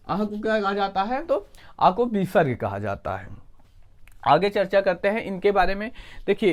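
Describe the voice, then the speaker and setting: A male teacher giving an exam coaching lesson, asking questions and answering them himself and correcting his own slips. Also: high voice.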